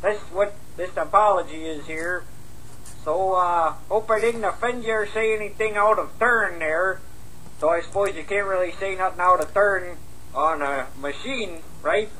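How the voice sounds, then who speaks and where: A sentimental, goofy cartoon coach leaving a rambling voicemail. His voice is high and sharp for a man, with folksy, halting, repetitive phrasing. Clear noise runs through the answering machine recording. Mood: sheepish, rambling. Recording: noisy answering machine message.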